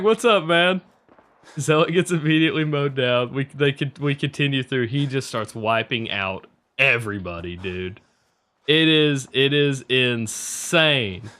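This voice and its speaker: A man's voice: mid-range voice, expressive, unhurried, pushed and bright. A young man streaming a game, chatting casually with viewers in a rambling, profane way and laughing often.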